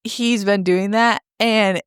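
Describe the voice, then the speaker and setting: Relaxed rambling woman podcaster. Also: medium pitch, slow, smooth, no echo, clean studio sound. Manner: relaxed, rambling, many "like" fillers. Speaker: podcast co-host. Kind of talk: casual podcast chat. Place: home in Southeast Michigan.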